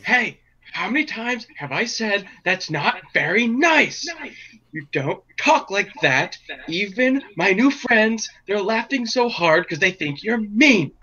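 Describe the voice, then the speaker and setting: A man voicing a gullible male warrior who yells at his own greatsword, scolding and indignant. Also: sits high, lively intonation, takes it slowly, highs cut off, voice pushed up, exaggerated voice.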